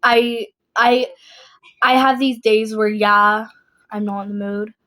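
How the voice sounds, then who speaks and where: A woman's voice: a little high, completely flat delivery, slow, bright, forceful tone. A young adult woman vlogging in a casual, rambling chat, blunt and emphatic, often repeating herself.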